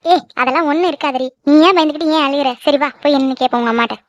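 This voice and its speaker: A woman voicing a gentle young aunt who calms family quarrels in a cartoon. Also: sits high, rapid-fire, no echo, muffled recording, close to an everyday voice. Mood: calming. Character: soothing young aunt, calm peacemaker.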